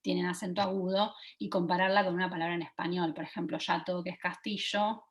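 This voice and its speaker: A woman, giving an online teaching talk over a video call and often pausing to check that listeners are following. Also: fairly low pitch, level tone, slight background noise. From Argentina. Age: 40s. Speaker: lecturer.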